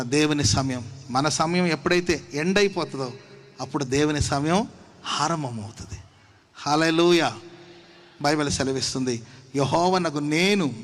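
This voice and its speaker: A man preaching with a high, carrying voice. He acts out the people in his story and builds up to loud, forceful passages. A faint hum of noise sits under the recording. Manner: dramatic, acts out dialogue, rises to shouting. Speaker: pastor. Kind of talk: sermon.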